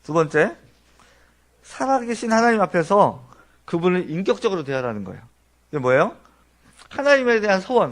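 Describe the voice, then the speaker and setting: A man preaching a Sunday sermon in a church, explaining his points one by one in an earnest, conversational tone and asking the congregation rhetorical questions. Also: fairly high pitch. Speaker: pastor. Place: church sanctuary.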